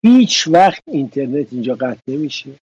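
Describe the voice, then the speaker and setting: Man, political commentary, sarcastic, emphatic, husky, dry studio sound. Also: medium pitch, very animated, a little mellow, no room sound, lo-fi sound.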